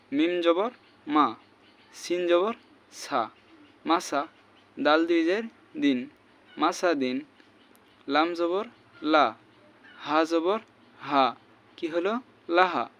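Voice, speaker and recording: Give me a slow, fairly high-voiced man teaching letter sounds in a repeating drill. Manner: chants letter names and vowel marks in a steady repeating drill. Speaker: Arabic reading teacher. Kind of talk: slow spelled-out recitation lesson.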